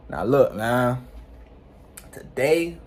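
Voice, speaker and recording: An eighteen-year-old vlogger talks to the camera at home in an unscripted, casual way, slangy and rambling and laid-back, often saying "you know what I'm saying" to check in with viewers. His medium-pitched voice is expressive, a little mellow and extremely slow.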